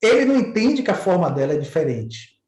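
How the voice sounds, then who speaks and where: A man's voice: high voice, big pitch swings, fairly quick, darkish tone. Echoey man explaining in a conversational way. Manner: conversational, repeats words while searching. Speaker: host explaining neuro-linguistic programming. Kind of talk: casual explanatory talk with examples. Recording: roomy echoey recording.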